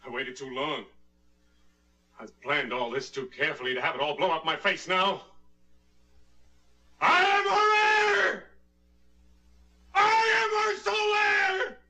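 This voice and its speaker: A jittery paranoid killer in an old tv suspense drama, sharp tense voice, halting and desperate. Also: male voice, medium pitch. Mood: frantic, desperate. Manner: halting, edgy, intense. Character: nervous, guilt-ridden man, paranoid and desperate killer. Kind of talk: mid-century American TV suspense drama acting.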